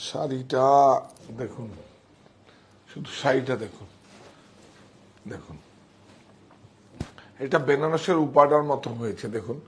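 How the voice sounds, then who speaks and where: A man showing sarees in a live sales pitch, talking excitedly, repeating himself and directing helpers. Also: unhurried, pauses often, slight background noise. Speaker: saree shop seller.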